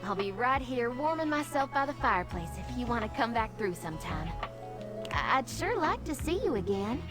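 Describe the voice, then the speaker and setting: A sweet, sassy little dust bunny lady with a Southern American drawl who calls everyone honey. Her voice sits high and swoops up and down with lively expression. It comes from a game, with music playing behind. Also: moderate pace. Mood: folksy. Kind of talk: video game voice acting.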